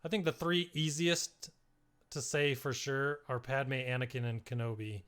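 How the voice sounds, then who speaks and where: A man's voice: medium pitch, fairly even intonation, measured pace, a bit bright, clear, resonant tone. A man co-hosting a podcast, chatting casually and chuckling as he talks things over. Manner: chatty, chuckles often, reacts to chat. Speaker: podcast co-host. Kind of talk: casual chat.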